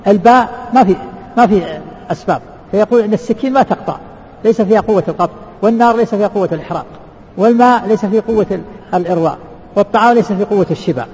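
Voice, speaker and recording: Sheikh lecturing, very fast, dull muffled recording in a mosque hall with long echo. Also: male voice, sits high, darkish tone. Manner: asks rhetorical questions and answers them, repeats words. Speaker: sheikh teaching a book. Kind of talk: lecture explaining a religious text. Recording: reverberant hall, dull lo-fi sound.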